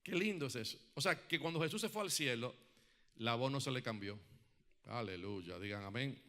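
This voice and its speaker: A man preaching a sermon who calls on the congregation to respond, asks many rhetorical questions, and swings from loud emphatic peaks to quiet, reflective passages. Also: mid-range voice, expressive, normal speed. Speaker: pastor.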